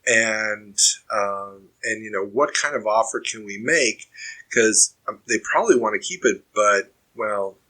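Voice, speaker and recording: A man hosting a podcast, reading news items aloud and then chatting about them in a relaxed way. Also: on the low side, a little slow, rough recording. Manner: reads headlines, then riffs conversationally. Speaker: podcast host.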